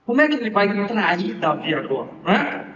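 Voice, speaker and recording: A male pastor with a Brazilian Portuguese accent preaches with emphasis and asks rhetorical questions. His voice is fairly high for a man. It rings through a church hall with long reverb, picked up from a distance with a dull, muffled tone. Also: very animated, brisk, pushed and bright, a little hiss or hum. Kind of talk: sermon. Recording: echoey hall, distant mic, dull sound.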